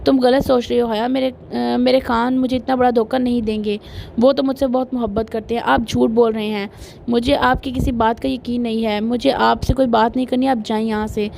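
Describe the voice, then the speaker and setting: A young woman's voice, hurt and stubborn, pleading through tears in an audiobook romance, as a woman narrator puts her on. The voice sits fairly high. She sounds emotional and wounded. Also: fairly even intonation, vocal fry, darkish tone, slight background noise. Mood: hurt, angry. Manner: pleading, tearful outbursts.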